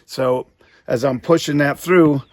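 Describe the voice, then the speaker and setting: A man's voice: on the high side, steady tone, a little slow, background noise. A man teaching step by step in an informal, folksy, explanatory way, like an instructor demonstrating a technique. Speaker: duck calling instructor.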